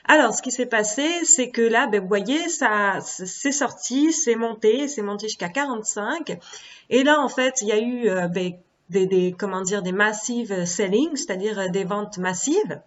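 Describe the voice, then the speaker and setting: A woman explaining stock charts in a relaxed, conversational lesson. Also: mid-range voice, normal speed. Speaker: trading teacher. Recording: dull lo-fi recording.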